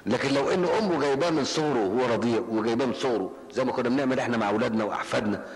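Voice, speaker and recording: An older man preaches very fast at medium pitch, his Egyptian Arabic accent clear as he answers questions in a mosque hall. He tells stories in plain speech and repeats phrases for emphasis, over background noise and a long reverb tail.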